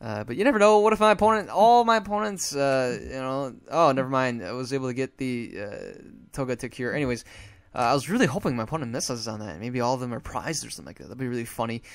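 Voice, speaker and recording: A man's voice: mid-range voice, expressive, quick pace, dry recording. A young man commenting on his own card game match, rambling with many fillers and flaring into exasperated outbursts. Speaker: gameplay commentator. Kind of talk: casual gameplay commentary.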